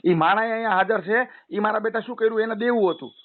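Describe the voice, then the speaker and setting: Fast-talking man on phone. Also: high-pitched. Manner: persuasive, lecturing, long-winded. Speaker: loan customer on a phone call. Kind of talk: recorded phone call. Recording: tinny phone line, faint noise.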